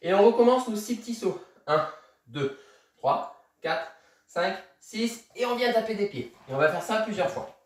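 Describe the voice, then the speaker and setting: A man's voice: high voice, expressive, normal speed. Male tennis coach, upbeat rep-counting instructor, heard from a distance in a reverberant room. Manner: counting reps aloud, encouraging; moving while talking, demonstrating exercises. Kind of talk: instructing a kids' home tennis workout.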